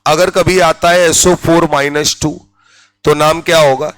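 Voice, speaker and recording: A man with a Hindi accent lectures on chemistry at a very slow, deliberate pace, his voice sitting a bit higher than usual. He keeps pausing to quiz the class with quick check-in questions. The sound is dry and close, with no room echo. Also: steady tone, fairly bright tone. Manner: drills students with repeated questions. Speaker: chemistry teacher.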